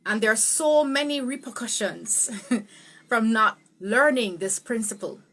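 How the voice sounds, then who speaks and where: A woman speech coach giving a live online lesson, her voice sitting a bit higher than most. She stretches words and swings her pitch up and down for emphasis, like she is demonstrating every point. It sounds like a webcam or video call. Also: unhurried. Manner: expressive, swoops pitch up and down for emphasis; greets viewers by name, laughs easily.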